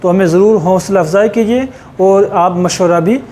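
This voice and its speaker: A man teaching English grammar in a patient, explanatory way, repeating and rephrasing points and slowing down to spell out English example sentences. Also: high voice, warm tone. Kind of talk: explanatory lesson.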